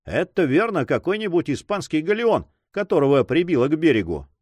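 A man's voice: a little high, sing-song, a little fast, darkish tone, dry recording, voice pushed up. A man voicing a cautious older uncle and governor who scolds the young men in a story. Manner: worried, scolding.

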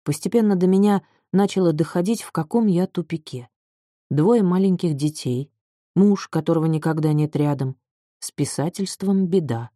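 A woman reading a novel aloud in a measured, even way. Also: lowish voice, no echo, clean studio sound. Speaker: audiobook narrator. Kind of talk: scripted narration.

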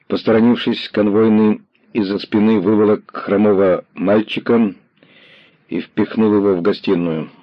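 A man reading a novel aloud as narrator in measured scripted narration. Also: on the low side, steady tone, no echo, muffled recording. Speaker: audiobook narrator.

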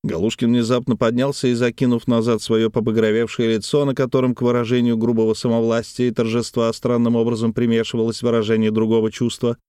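Мужчина читает классическую прозу в аудиокниге, выразительно и размеренно. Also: male voice, medium pitch, clean tone, no echo, clean studio sound. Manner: expressive, measured reading. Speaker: audiobook narrator. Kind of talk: scripted literary narration.

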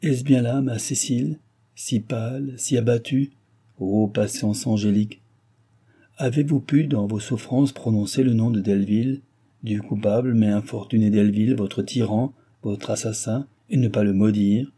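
A man voicing a remorseful young gentleman who pleads fervently with the woman he loves, in a read-aloud novel. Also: fairly low pitch, fairly even intonation, moderate pace, slightly rough. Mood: pleading.

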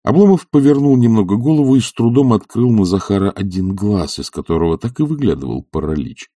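A man reading an audiobook in a measured, expressive narration. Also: fairly low pitch, no room sound, studio quality. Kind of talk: scripted narration.

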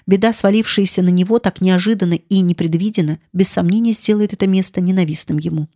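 A woman reading the lines of a grave, earnest young English gentleman in an audiobook, in a measured way. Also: on the low side, no room sound, clean studio sound, lightly acted.

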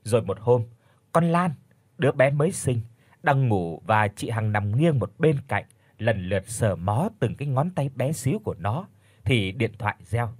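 A man reading a story aloud as an expressive audiobook narrator. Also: mid-range voice, moderate pace, no echo. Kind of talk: scripted narration.

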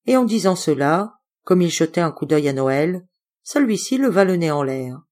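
A woman reading a classic novel aloud as an audiobook narrator, measured and expressive. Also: on the low side. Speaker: audiobook reader. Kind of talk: literary narration.

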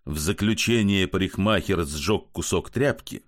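A man narrating a story in an expressive audiobook reading. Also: low voice, unhurried.

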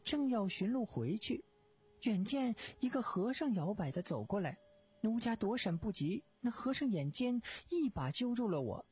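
A woman's voice: fairly high pitch, sing-song, normal speed, darkish tone, slightly rough, exaggerated voice. A woman voicing a young wronged wife who earnestly recounts her ordeal in radio storytelling. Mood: telling. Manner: earnest, pleading first-person telling. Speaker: storyteller voice of a female character.

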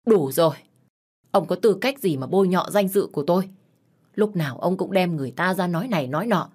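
A woman voicing a long-suffering mother who pleads gently with her husband and scolds sharply. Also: fairly low pitch, animated, quick pace, slightly rough. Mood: angry. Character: long-suffering mother, patient then defiant.

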